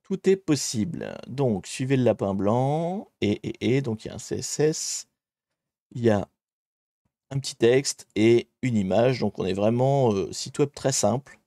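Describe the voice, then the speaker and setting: An unhurried male livestreamer with a dark, medium-pitched voice and lively intonation comments casually while working a hacking challenge. He rambles and keeps correcting himself mid-sentence, recorded in studio quality with no room sound.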